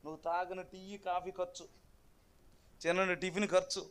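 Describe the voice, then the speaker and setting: A Telugu-accented man preaches to his church in a very high voice. His tone is forceful and bright, and he swings between loud proclamation and quiet asides to the congregation. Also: little pitch movement, normal speed, clear, resonant tone. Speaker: pastor. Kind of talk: sermon. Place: church hall.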